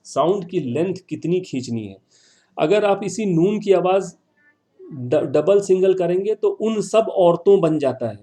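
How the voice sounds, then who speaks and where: A man's voice: mid-range voice, mellow. A male teacher giving an online class, patiently repeating words and quizzing his students.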